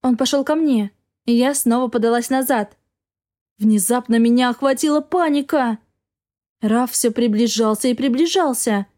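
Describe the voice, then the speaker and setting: Woman, slightly high voice, first-person audiobook narration, dramatic reading. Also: normal speed, darkish tone.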